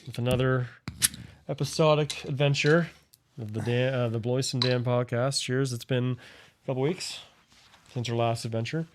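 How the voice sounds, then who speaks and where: A man about to turn forty co-hosts a podcast in relaxed, joking chat. His voice sits at an ordinary middle pitch. He swears freely and laughs between stories. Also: normal speed, slight background noise. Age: late 30s. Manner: loose, profane, laughing banter. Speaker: podcast co-host. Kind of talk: casual chat.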